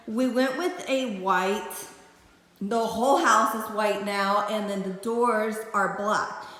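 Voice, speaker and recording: A big, hall-like echo surrounds this woman's voice as she vlogs from inside a bare, emptied house. She talks casually and informally to her viewers at a middling pitch, rambling a little as she goes. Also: fairly bright tone. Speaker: vlogger, channel host. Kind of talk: casual home vlog chat to camera.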